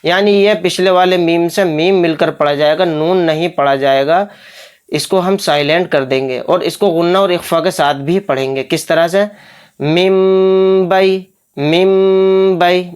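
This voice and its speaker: A Quran recitation teacher giving a step-by-step lesson. The teacher spells out each syllable slowly, explains each rule in brisk asides, and answers their own questions. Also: medium pitch, smooth.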